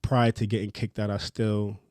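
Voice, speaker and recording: A man in his thirties from Trinidad, a fashion designer telling his story in a relaxed, candid, slangy podcast chat. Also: on the low side, moderate pace, no room sound. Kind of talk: casual interview chat.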